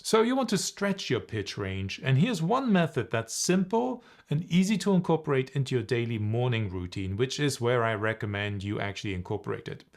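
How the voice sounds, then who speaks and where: A man teaching on camera as a voice and presentation coach. His pitch swings widely as he talks, playful and animated, breaking off to demonstrate humming exercises.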